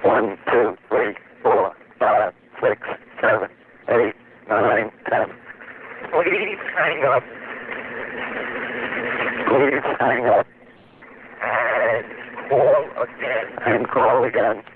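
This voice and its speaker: A man's voice in a recorded telephone announcement, made of spliced-together words in a slow, stilted, repetitive delivery. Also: medium pitch. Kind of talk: automated telephone message. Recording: tinny phone line with noise.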